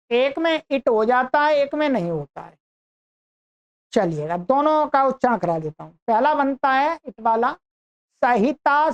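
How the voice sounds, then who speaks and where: A woman teaching a language class, reciting verb forms one by one in a slow, deliberate chant for students to repeat. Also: high-pitched, dull audio. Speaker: Sanskrit teacher. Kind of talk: reciting verb conjugations in a lesson.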